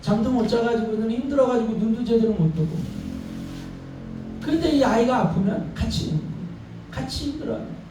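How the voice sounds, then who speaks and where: A man's voice: extremely high pitch, fairly quick. Male pastor in his thirties, emphatic repetitive sermon delivery, recorded far away in a very echoey hall. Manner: emphatic, repeats phrases, asks and answers own questions. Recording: roomy church sound from far off, faint noise.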